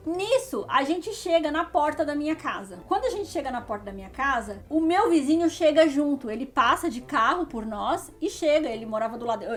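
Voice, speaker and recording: A woman, chatting casually to viewers as she tells a personal story. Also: sits high. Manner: chatty, animated, addresses viewers directly.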